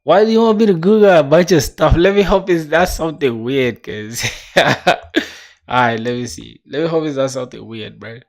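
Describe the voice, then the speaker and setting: A man's voice: fairly high pitch, moderate pace, a little mellow. A man in his twenties chatting casually on a coding livestream, laid-back and slangy, reading viewer comments aloud. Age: 20s. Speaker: streamer.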